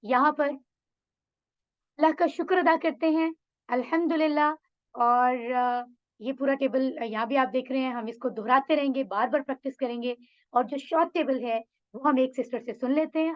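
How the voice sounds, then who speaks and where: A woman's voice: sits high, moderate pace, highs cut off. A woman teaching an online Arabic class, encouraging her students and mixing English phrases into her Urdu. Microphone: video call mic.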